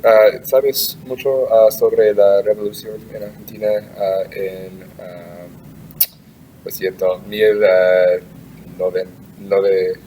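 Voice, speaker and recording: Slow, halting man asking questions. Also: lowish voice, level tone, dark tone. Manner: very halting, constant "ah" fillers, searching for words. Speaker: interviewer. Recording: distant mic with faint background noise.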